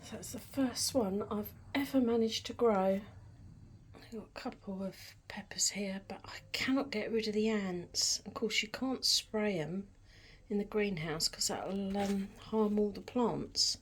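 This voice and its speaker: A woman giving a casual, chatty gardening vlog, showing things off in an unhurried, informal way. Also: mid-range voice, a little hiss or hum. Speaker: gardening vlogger.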